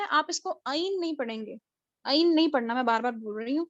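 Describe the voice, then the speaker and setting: High-voiced woman teaching over a video call. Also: a bit bright, no room sound. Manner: repetitive, drilling letter sounds. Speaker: tajweed teacher. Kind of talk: online class lecture. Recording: dull lo-fi video call audio.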